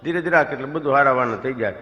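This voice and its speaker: Chatty comic in a hall. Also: male voice, medium pitch, fast, pushed and bright, muffled recording. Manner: chatty storyteller, voices friends in quoted lines. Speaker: stand-up comedian telling stories. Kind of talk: live comic storytelling. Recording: echoey hall with long reverb. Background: audience laughter.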